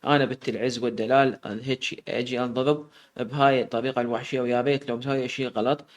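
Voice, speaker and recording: A man's voice: mid-range voice, steady tone, fast. A man narrating a first-person story.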